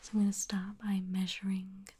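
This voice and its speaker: A woman's voice: mid-range voice, monotone, moderate pace, noisy background. A young woman whispering an ASMR roleplay as a reassuring pre-surgery nurse, with hesitant ums. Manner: reassuring, clinical.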